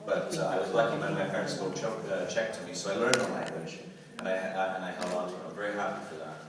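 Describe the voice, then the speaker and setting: This is convention Q&A: a Canadian guest actor responds to the audience in a big hall, rambling, laughing often and repeating words. His low-pitched voice is fast and steady in tone. Captured from afar, the audio carries hall echo and crowd noise.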